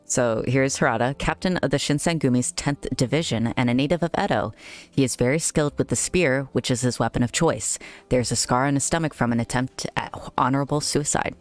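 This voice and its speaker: A young adult streamer with a mid-to-low, androgynous voice around 130 hertz. The delivery is chatty and giggly, moving between reading game text and casual reactions, with faint music behind. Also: a little fast. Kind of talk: casual game livestream commentary and reading aloud.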